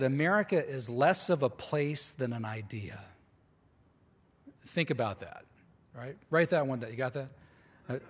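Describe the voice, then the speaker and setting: A man's voice: mid-range voice, a bit bright. A man giving a conference lecture, speaking emphatically, repeating words as he restarts and turning to the audience with asides. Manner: talks directly to the audience with asides. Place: large conference hall. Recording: long hall reverb.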